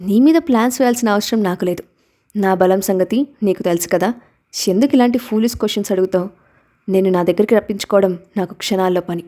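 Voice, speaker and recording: An arrogant husband who talks down with quiet intensity, read by a woman narrator. The voice stays mellow and low-key rather than acted out. Storybook romance reading. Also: quick pace, natural voice. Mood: assertive. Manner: intense, pleading then domineering. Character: brooding possessive husband, proud, arrogant.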